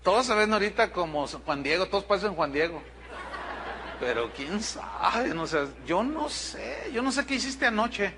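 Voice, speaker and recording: A man's voice: sits high, big pitch swings, moderate pace, background noise. A man with a Mexican accent, a pastor preaching a sermon to his congregation, telling a story bluntly with asides to the listeners. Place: church congregation.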